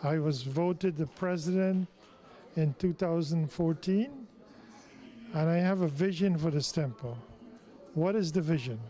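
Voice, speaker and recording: Mellow-voiced man, measured. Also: fairly high pitch. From Guyana. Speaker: temple president. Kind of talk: interview answers.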